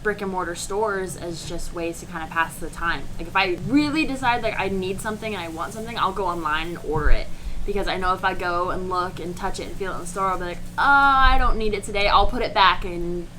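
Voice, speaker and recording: Bright-voiced young woman guest. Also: on the low side, a little fast, slight background noise, poor audio. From Indianapolis, Indiana, USA. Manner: casual, relaxed, starts with "um". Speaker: interview guest.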